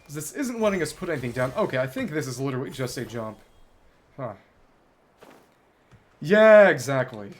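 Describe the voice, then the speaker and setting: With a mid-range voice that swings widely in pitch, a man livestreams a game at a moderate pace, pausing often. He muses aloud in bookish wording while chatting casually with viewers and wandering from topic to topic.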